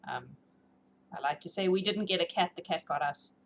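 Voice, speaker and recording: At a normal speed and with a voice on the low side, the woman hosting the book-reading stream chats informally and gigglily with her audience. Her accent draws on South African, British and New Zealand speech, and the room ambience is clearly noisy.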